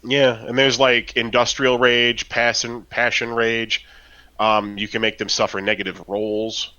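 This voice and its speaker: A man's voice: medium pitch, little pitch movement, measured pace, sharp tone, highs cut off. A man chatting casually on a podcast about a role-playing game, rambling with lots of fillers and tag questions. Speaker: podcast co-host.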